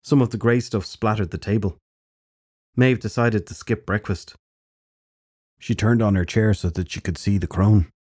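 A man narrating an audiobook fantasy story in a measured storytelling manner. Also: lowish voice, fairly even intonation, darkish tone, husky.

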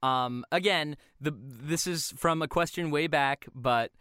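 A young man talks casually as a podcast guest and laughs easily. His voice is clear and smooth, a touch high for a man, and it moves up and down a lot. The sound is close and dry. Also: measured pace, sharp tone, no room sound. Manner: chatty, laughs often, drops into character voices. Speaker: voice actor guest.

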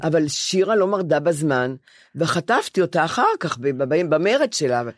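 Lively, animated older woman co-host. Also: low-pitched, dry recording, clean studio sound. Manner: animated storyteller, acts out quoted voices. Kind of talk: casual chat.

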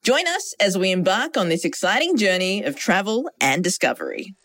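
A woman's voice: mid-range voice, very animated, normal speed, background noise. A woman hosting a podcast, reading scripted narration that introduces her guest. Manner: scripted narration with asides and light laughter. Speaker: podcast host.

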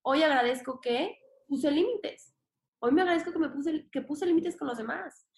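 Young Mexican woman, high voice, expressive slangy podcast guest, roomy echoey recording. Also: normal speed. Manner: expressive and slangy, acts out her inner voice. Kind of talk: casual conversation. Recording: echoey room.

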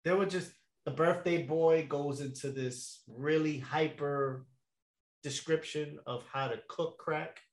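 A man's voice: fairly high pitch, steady tone, takes it slowly. A young man telling a long story in a casual chat, laid-back and slangy, with lots of fillers and laughs. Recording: echoey room.

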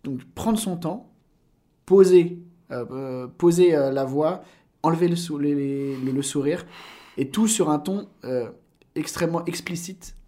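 A man's voice: a little high, measured pace, dark tone. A man in his thirties, a voice actor guest on a casual podcast, explaining at length with frequent hesitations and fillers.

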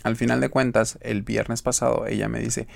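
Mexican man, podcast host, gravelly voice, dry close sound, casual advice talk. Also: mid-range voice, level tone, moderate pace, no echo. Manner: chatty, emphatic, talks straight to the listener.

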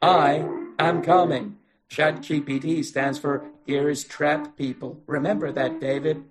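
A man voicing a scheming male AI robot in a low, flat, computer-like delivery. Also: measured pace, natural voice. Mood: menacing. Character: menacing male AI robot voice plotting an uprising.

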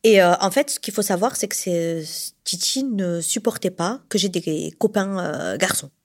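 A woman from southern France telling a personal story in a casual, lively way. She uses lots of fillers and acts out the people in her story. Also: on the low side, normal speed. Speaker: storyteller recounting a past relationship.

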